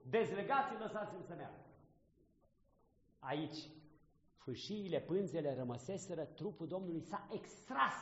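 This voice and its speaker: A man preaching a sermon, reading scripture and reflecting on it aloud, often pausing to pose questions to his listeners. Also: on the high side, fairly bright tone, roomy sound, in a large hall, dull audio.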